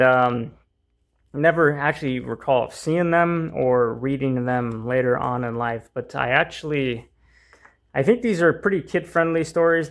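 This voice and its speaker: A man with a gravelly, mid-pitched voice chats casually through a pile of comics for his channel. He rambles, restarts and fills pauses with ums. He sounds a bit strained and worn out from the heat. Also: fairly bright tone. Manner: rambling, many fillers and restarts. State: hot and tiring, voice strained. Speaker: comic book channel host. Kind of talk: casual unboxing chat.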